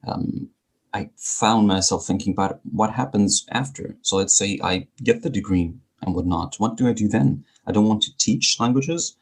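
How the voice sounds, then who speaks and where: A man with a low, slightly rough voice is interviewed as a podcast guest about his work as a speaking coach, in a conversational format. A native speaker of Greek and German, he comes across as articulate and wry.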